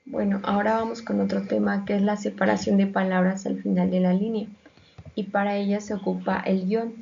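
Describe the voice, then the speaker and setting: A woman's voice: medium pitch, little pitch movement, fairly quick, gravelly, dark tone, slight background noise. A woman reading a school presentation, hesitant and full of fillers. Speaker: student presenter. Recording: dull lo-fi sound.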